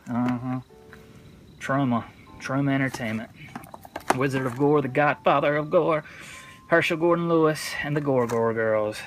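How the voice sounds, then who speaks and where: A man's voice: mid-range voice, moderate pace, long pauses, slight background noise. A man casually reviewing horror movies in a rambling, jokey, slangy way with heavy cursing. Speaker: horror film collector presenting a video.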